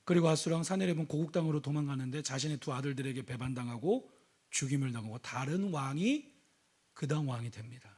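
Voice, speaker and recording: A middle-aged male pastor preaching a sermon. He swings between loud exhortation and hushed, intimate speech, asks the congregation questions and calls out hallelujah. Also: mid-range voice, fast, husky.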